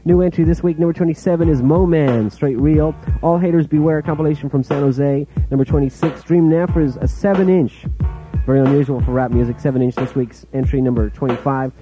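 A man's voice: a little high, fairly even intonation. Man DJing over a muffled pirate radio broadcast. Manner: rattles off chart entries in quick clipped fragments. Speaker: radio DJ and host. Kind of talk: hip hop chart countdown on air. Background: music playing under the voice.

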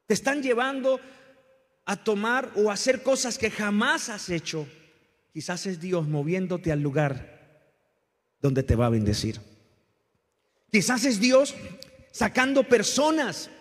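A male pastor preaches with fervor, his voice climbing and falling as he calls the congregation to repeat after him. His slightly husky voice rings through a church hall with a long reverb. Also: lively intonation, measured pace. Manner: impassioned preaching, rising and falling in pitch and volume. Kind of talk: sermon.

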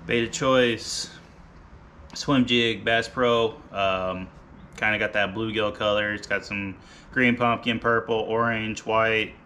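A man in his thirties, a fishing vlogger, casually walking through his gear in a garage, relaxed and rambling with many ums and uhs. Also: on the low side, slow pace, slight background noise. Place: garage, seated by boat gear.

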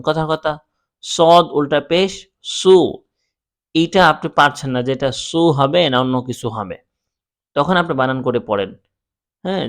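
A man teaching a Quran reading lesson, reciting letter names with their vowel marks and explaining patiently. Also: medium pitch.

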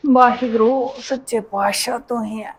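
A woman's voice: on the high side, steady tone, moderate pace, slight background noise, natural voice. Woman playing a soothing worried mother. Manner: soothing, pleading. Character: fretful kind mother of two grown sons. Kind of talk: Punjabi short film acting.

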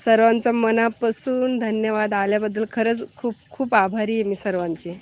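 Woman from Maharashtra, fairly high voice, chatty live-stream host who greets her viewers. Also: steady tone, moderate pace, darkish tone. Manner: chatty, greets viewers and answers their comments.

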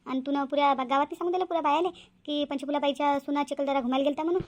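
A woman's voice: sits high, fairly even intonation, racing, natural voice. A woman voicing a gossipy, quarrelsome middle-aged village woman in a cartoon, speaking. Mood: gossiping. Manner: defiant, quarrelsome.

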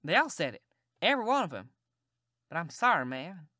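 A woman's voice: fairly low pitch, very animated, brisk, bright, forceful tone, no room sound, clean studio sound, heavily acted. A woman voicing Tom Sawyer, a cheeky Southern boy who talks in a polite, mock-innocent drawl.

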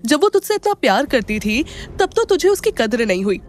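A woman voicing a quick-tempered young male friend in an audio drama, scolding with a raised voice. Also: fairly high pitch, expressive, lightly acted.

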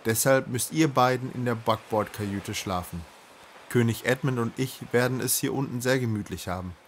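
A man's voice: mid-range voice, normal speed, a little hiss or hum, natural voice. Man voicing a kind young king. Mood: friendly. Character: friendly young male king.

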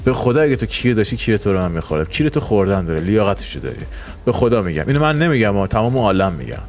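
A man's voice: lowish voice, sing-song, faint music behind. A man streaming a crime game, improvising crude, flirtatious role-play banter and often laughing.

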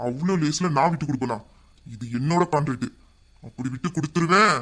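A woman doing a gruff, menacing businessman. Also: low voice, fast, fairly bright tone. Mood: scheming. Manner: barking, menacing commands. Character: gruff, threatening businessman, adult male. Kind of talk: animated storybook voice acting.

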